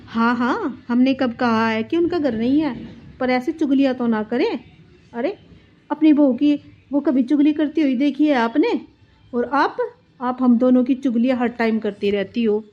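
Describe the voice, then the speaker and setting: Cartoon daughter-in-law, young woman, rude and taunting, high voice, muffled lo-fi audio with faint music, as a woman puts her on. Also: moderate pace. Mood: scolding. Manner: taunting, scolding.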